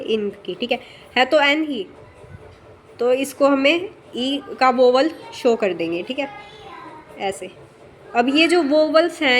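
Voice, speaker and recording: In a shorthand lesson with a little hiss or hum, a high-pitched woman talks casually and slowly, filling gaps with fillers. She checks in frequently, and her voice drops softer as she writes.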